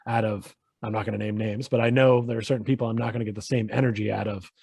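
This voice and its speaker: A man's voice: fairly low pitch, little pitch movement, fast, vocal fry, a little mellow, husky, no echo. A man hosting a podcast over a video call, chatting loosely with frequent restarts. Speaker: podcast host. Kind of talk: casual chat.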